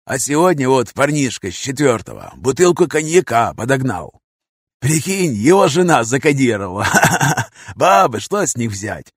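A man voicing a hoarse, gruff male vagrant who talks in coarse street slang. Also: mid-range voice, big pitch swings, no room sound, studio quality, voice pushed up. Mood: chatty. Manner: slangy, coarse, drawn-out talk.

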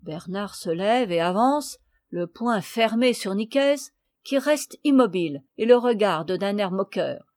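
A woman reading a classic children's novel aloud in a measured, steady way. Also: mid-range voice, no room sound, clean studio sound. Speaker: reader.

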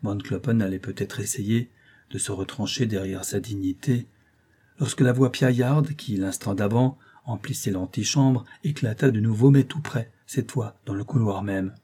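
A man reads a novel aloud with measured, expressive storytelling. His voice is dark and mellow, with a husky edge. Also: fairly low pitch. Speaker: audiobook reader. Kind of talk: scripted narration of a novel.

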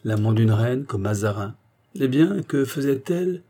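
A man's voice: mid-range voice, lively intonation, moderate pace, dark tone. A man reading the part of a proud, fiery middle-aged statesman in an audiobook, speaking in an impassioned, declamatory way.

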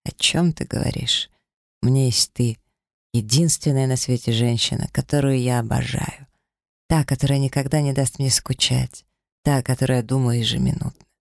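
A man reading a romance audiobook, voicing a confident man in love who speaks softly and reassuringly. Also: mid-range voice, fairly even intonation, moderate pace, gravelly, dry recording, studio quality, natural voice. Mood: tender. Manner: soft, warm-hearted and reassuring.

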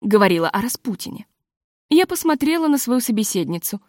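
A woman narrating a literary memoir as an audiobook, in calm, measured storytelling, close to the mic. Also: fairly high pitch, no echo.

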